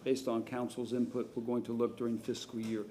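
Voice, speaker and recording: A man who is a city budget official, giving careful, measured answers about event funding to council. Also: medium pitch, completely flat delivery, mellow, slight background noise.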